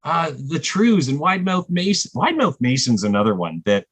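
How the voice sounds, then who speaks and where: Husky, excited man telling stories. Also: fairly high pitch, normal speed, no echo. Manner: excited storyteller, lively acted-out quotes. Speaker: music festival programmer. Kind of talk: casual podcast conversation.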